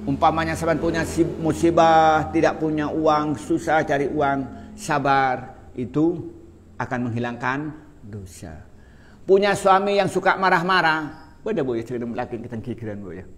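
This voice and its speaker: A man's voice: fairly high pitch, normal speed, slight background noise. A middle-aged man giving a religious lecture to a live audience, chatty and joking, often asking the listeners questions. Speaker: Islamic preacher.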